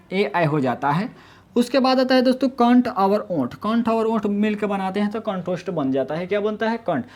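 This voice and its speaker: A man giving a grammar lesson, often asking rhetorical questions and answering them himself, and sounding out letters slowly to demonstrate. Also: high-pitched, darkish tone. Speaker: Hindi grammar teacher. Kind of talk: explanatory online lesson.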